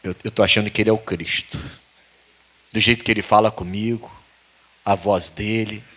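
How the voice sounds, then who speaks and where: A curious Samaritan woman ponders aloud in a hushed, musing way, as a man acts her out. The voice drops lower and quieter than his sermon, turning questions over slowly. It still carries a bright edge. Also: steady tone.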